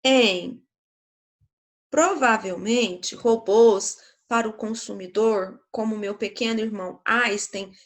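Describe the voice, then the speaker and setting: A woman's voice: mid-range voice, takes it slowly. A woman teacher with a Brazilian Portuguese accent, giving a grammar lesson to schoolchildren in a patient, explanatory way, often checking in with the class.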